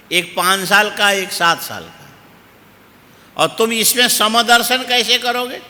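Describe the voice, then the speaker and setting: A man giving a Hindi religious discourse, teaching in a slow cadence, asking listeners questions and chanting Sanskrit verses. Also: sits high, sharp tone, in a large hall. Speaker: Bhagavata katha preacher.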